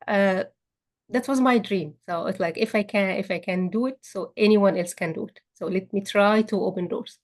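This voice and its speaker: Telling the story of her career to a meetup audience, this woman from Egypt speaks in a mid-range voice at a moderate pace. She frequently starts over and repeats words, with warm asides and laughter along the way.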